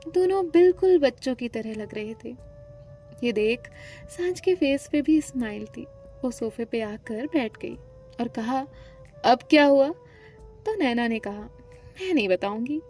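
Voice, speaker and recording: A woman narrating a romantic audio story, reading the characters' lines in her own voice. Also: fairly high pitch. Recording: soft music behind the voice.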